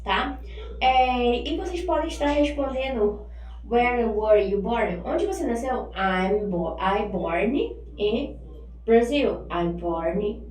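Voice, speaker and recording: A woman teaching an online English lesson, chatting casually and drilling phrases slowly for students to repeat. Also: a little high, a little mellow, far from the mic. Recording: echoey room, voice from off-mic, faint hum.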